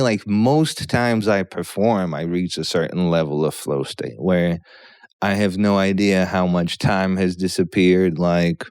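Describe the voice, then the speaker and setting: A Polish man in his thirties, appearing as a guest comedian on a podcast, tells a rambling story and keeps checking in with "yeah?" along the way. His voice is smooth and fairly low, captured in a dry, studio-quality recording.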